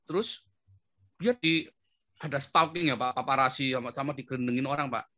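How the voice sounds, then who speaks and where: A chatty man talking over a video call, laughing often as he goes and tacking a polite "sir" onto nearly every phrase. His voice is bright and forceful, carrying over the call connection. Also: medium pitch, normal speed. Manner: chatty and laughing, adds "Pak" to most phrases. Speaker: host answering a guest in a live video discussion. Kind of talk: casual chat.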